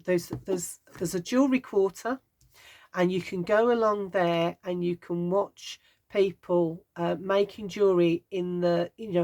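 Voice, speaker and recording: Brummie lady in her 50s, bit low voiced, rambly and wry, just chatting to camera. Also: darkish tone. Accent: Birmingham (Brummie). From Birmingham, England. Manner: chatty, meandering, wry humour. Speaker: craft vlogger. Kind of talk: casual chat.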